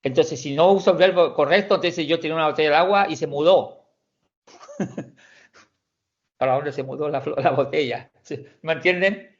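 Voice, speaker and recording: A man teaching an online language class, explaining slowly and patiently, with frequent restarts and repeated words. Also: fairly high pitch, lo-fi sound. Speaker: Swedish teacher.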